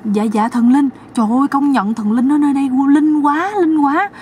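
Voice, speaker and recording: Woman putting on a high flustered naive woman. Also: steady tone, normal speed, dark tone, close to an everyday voice. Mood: pleading. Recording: distant mic, faint background noise.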